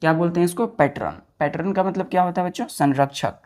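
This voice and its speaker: Fast and fairly low-pitched, with a darkish tone, a woman runs a grammar lesson. She spells out words letter by letter and echoes each answer, continually asking if her students understand.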